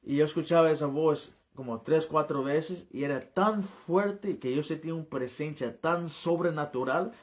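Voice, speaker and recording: A man who is an evangelist, giving a personal testimony in an interview in an earnest, halting way, often repeating and restarting his words. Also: on the high side.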